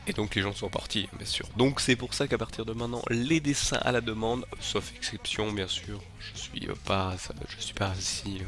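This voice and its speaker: With soft background music behind him, a man with a fairly low, slightly bright voice speaks at a moderate pace, barely pausing. He has a head cold and rambles hesitantly through a casual announcement to his channel's viewers, with many filler sounds and restarts.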